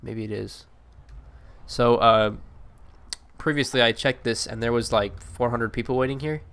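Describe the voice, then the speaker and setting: A man with a mid-range, a bit bright, smooth voice speaks at a measured pace, sounding slightly stuffed up from allergies. This gameplay video creator rambles casually over a city-building game, using many fillers and frequently correcting himself.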